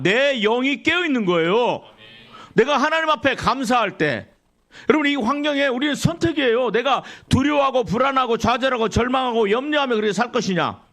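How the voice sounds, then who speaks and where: A man's voice: very high voice, gravelly, a bit bright. A middle-aged male pastor preaching a sermon in a church, asking the congregation questions and answering them himself, and quoting scripture. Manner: quotes scripture and acts out complaining believers. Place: church sanctuary.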